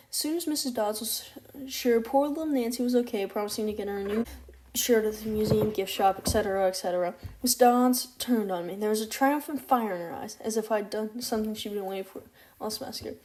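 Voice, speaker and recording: Female audiobook narrator, mellow tone, casual unpolished first-person reading. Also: fairly high pitch, fast, slight background noise. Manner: unpolished reading with stumbles and restarts.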